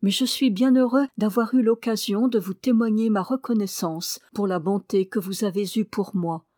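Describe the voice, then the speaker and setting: A woman voicing Samébito, a gentle shark-man. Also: mid-range voice, normal speed, no echo, studio quality, close to an everyday voice. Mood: joyful farewell. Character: sorrowful, gentle male shark-man sea creature.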